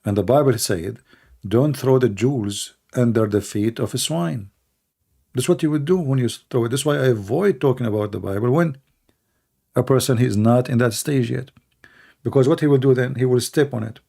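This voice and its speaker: A middle-aged man, a native Arabic speaker with an Arabic accent, hosts a livestream debate in a mid-range, mellow voice with vocal fry, at normal speed. He answers questions casually and bluntly, full of fillers and restarts.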